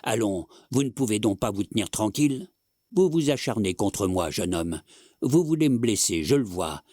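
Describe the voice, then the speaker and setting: Give me a man playing a panicky, pleading gentleman from a storybook, low-voiced and dry. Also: expressive, moderate pace, no echo. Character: flustered middle-aged gentleman, pleading and timid.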